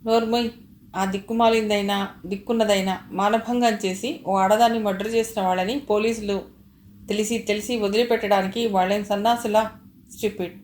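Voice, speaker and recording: A woman reading aloud, voicing a hot-tempered man who shouts accusations, recorded with a roomy echo. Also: medium pitch, fairly even intonation, moderate pace, slight background noise, natural voice. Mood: furious.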